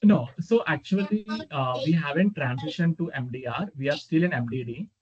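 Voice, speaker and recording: A man's voice: a little high, a crowd in the background. Give me a man explaining patiently over a slightly muffled video call, full of hesitant "uh"s as he answers a question. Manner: halting, many "uh" fillers, patient explaining. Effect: heard over a video call. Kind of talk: unscripted Q&A explanation.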